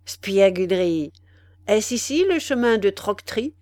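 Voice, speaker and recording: A woman's voice: on the low side, slow pace, darkish tone, no echo. A woman playing a menacing little wild man. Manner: threatening, grim and mocking.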